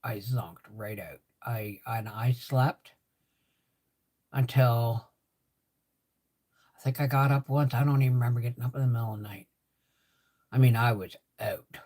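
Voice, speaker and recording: A woman's voice: rumbling low, fairly even intonation, normal speed, long pauses, warm tone. Older woman chatting through a swollen mouth. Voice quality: slightly muffled speech from a swollen, sore mouth after tooth extractions. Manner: chatty, rambling, repeats phrases for emphasis. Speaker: livestream host. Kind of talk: casual chat to viewers.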